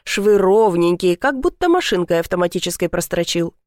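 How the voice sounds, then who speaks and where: A woman's voice: lowish voice, sing-song, normal speed, darkish tone, no room sound. A woman voicing a bossy, self-satisfied middle-aged male village policeman in a dry recording. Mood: teasing.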